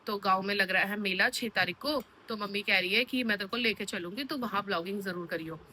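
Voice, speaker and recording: A woman's voice: mid-range voice, fairly quick, sharp tone, a little hiss or hum. A young woman from the hills chatting casually to her viewers in a vlog, tired and talking like a friend. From Uttarakhand hills. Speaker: vlogger. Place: home, then outdoors in Delhi traffic.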